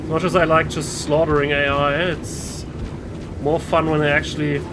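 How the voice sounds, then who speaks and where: Over clearly audible game music and some background noise, a gaming video host narrates his own play in a fairly high, flat voice at a moderate pace. The commentary is casual and rambling, full of hesitation and restarts.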